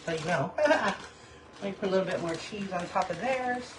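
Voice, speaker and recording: She's a cooking livestream host with a mid-range voice, lively intonation, and a moderate pace, heard against a noisy background. Streaming casually by phone from her home kitchen, she chats away to "y'all," a little hot and short of breath.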